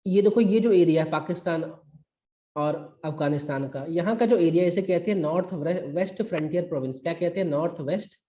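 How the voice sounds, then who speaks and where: A man's voice: fairly high pitch, a little fast, warm tone, dull audio. Emphatic man teaching over an echoey call. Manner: conversational and emphatic, acts out quotes. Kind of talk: live online exam-prep history lecture. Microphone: recorded through a video call.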